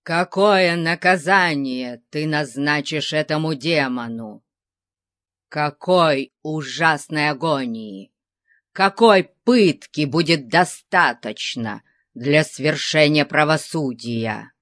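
A woman voicing a cruel, fanatical male tyrant priest who speaks low, slow and menacing. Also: fairly bright tone, dry recording, studio quality.

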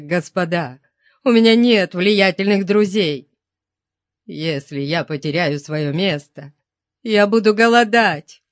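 A man's voice: no echo, clean studio sound. A man voicing a terrified steward who whines and pleads, his voice rising as he begs. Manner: sobbing, whining plea rising in pitch. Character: terrified middle-aged male steward, pleading.

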